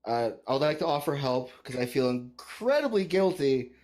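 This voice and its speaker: A man's voice: medium pitch, very animated, normal speed, darkish tone. A man playing a tabletop game, chatting casually with uhs and restarts. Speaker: player.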